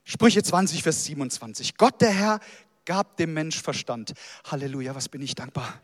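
A man preaching a sermon as pastor, animated, acting out people's inner voices as he goes. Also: mid-range voice, normal speed, dry recording, clean studio sound, in a large hall.

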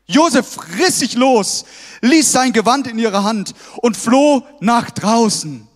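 A man delivers a sermon in a strikingly high voice, pressing his points with emphatic calls to the congregation. His words ring out with a long reverb from a large hall. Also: lively intonation, takes it slowly. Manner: emphatic, exhorting, with frequent "hey" calls to the congregation. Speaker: pastor.

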